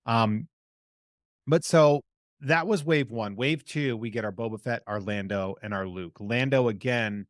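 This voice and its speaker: A man with a Boston accent chatting casually and explaining in a halting, informal way. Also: mid-range voice, no room sound, studio quality. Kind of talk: casual chat about collectible toys.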